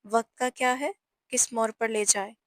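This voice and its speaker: A woman's voice: fairly high pitch, fairly even intonation, normal speed, no echo, clean studio sound, lightly acted. A woman voicing a serious young male police officer who is a dutiful son, earnest and pleading in a storybook reading. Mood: calm. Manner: earnest, pleading with his mother.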